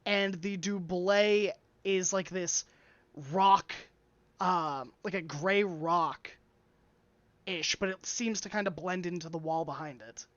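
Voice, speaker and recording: A woman runs a tabletop game and describes each scene in a loose, chatty way, with plenty of fillers along the way. Her voice sits in a middle pitch, and the sound comes through dry and a bit muffled. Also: slow, no room sound. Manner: casual descriptive narration with many fillers. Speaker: game master.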